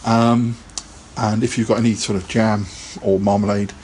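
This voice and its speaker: A man's voice: on the low side, level tone, normal speed, darkish tone, a little hiss or hum. A man hosting a casual live podcast, chatting in a rambling way and laughing often. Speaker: podcast host.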